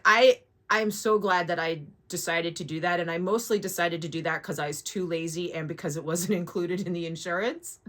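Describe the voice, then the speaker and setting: Bright-voiced woman vlogger, candid and sweary. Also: lowish voice. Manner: candid, sweary, rambling with asides and self-corrections. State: sore and shaken hours after surgery. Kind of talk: casual personal vlog.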